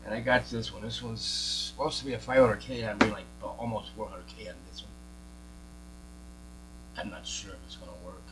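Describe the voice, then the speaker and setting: In a repair workshop, a radio repair hobbyist with a fairly low, steady voice talks at normal speed, muttering and thinking aloud as he fixes things in casual hands-on commentary. Mains hum and noise are clearly audible.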